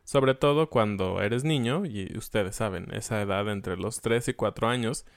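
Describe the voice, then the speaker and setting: A man's voice: lowish voice, a little slow, dry recording, studio quality. A Mexican man co-hosting a casual Spanish lesson, explaining words and asking the audience questions. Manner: conversational, asks the audience questions. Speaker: Spanish teacher.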